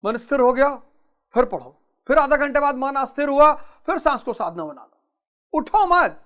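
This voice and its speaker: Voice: sits high, lively intonation, moderate pace, a bit bright. A spiritual teacher giving a motivational talk, urging listeners on and repeating key phrases.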